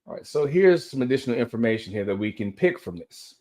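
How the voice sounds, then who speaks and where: As a host, a man gives casual commentary and reads aloud with dental aligner braces in, which slightly impede his articulation and make him sometimes stumble over words and correct himself. His mid-range voice is expressive, fast, and a little mellow.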